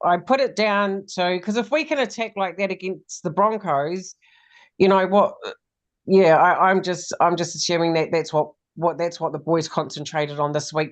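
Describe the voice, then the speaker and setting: A woman with a broad New Zealand accent speaks in a fairly low voice. She talks casually and bluntly, in slang, like a fan among friends. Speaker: rugby league podcast panellist.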